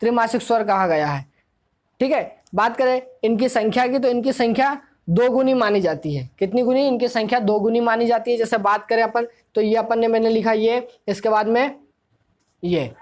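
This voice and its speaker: A woman's voice: a little high, normal speed, a little mellow. A woman teaching a grammar lesson for exam students. She asks the class questions, answers them herself and repeats key points. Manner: explanatory, drilling tone.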